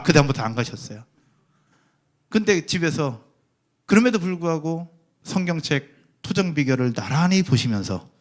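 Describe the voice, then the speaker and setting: A middle-aged man preaching a sermon as pastor to his church, putting rhetorical questions to the congregation and telling personal stories. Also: a little high. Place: church sanctuary.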